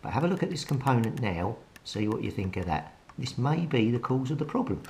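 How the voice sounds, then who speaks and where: A British radio repairer gives casual commentary in his video, speaking fairly quickly with a sing-song lilt at medium pitch. He reasons aloud with some hesitation, over a clearly noisy, clicking recording.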